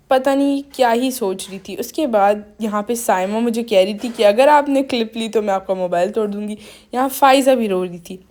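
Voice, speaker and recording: Young woman vlogger, chatty voice-over, pitched a touch high. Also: a little mellow. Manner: chatty, addresses viewers as guys. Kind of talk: casual vlog voice-over.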